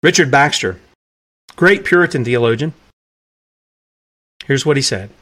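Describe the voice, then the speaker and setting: A man's voice: medium pitch, animated, measured pace, fairly bright tone. Earnest, emphatic male preacher. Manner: earnest and emphatic, pressing his points hard; repeats key phrases for weight. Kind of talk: sermon-style podcast talk.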